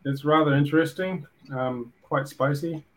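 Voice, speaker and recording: A man's voice: a little high, fairly even intonation, normal speed, rough recording. A man co-hosting a casual chat show, talking in an informal way. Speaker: co-host.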